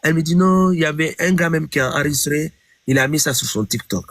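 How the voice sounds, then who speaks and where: A Guinean singer with a fairly high, somewhat bright voice talks quickly as he tells an interviewer about a dispute over a song. He replays each exchange with emphatic repetition, saying "j'ai dit" again and again, and the recording is dry.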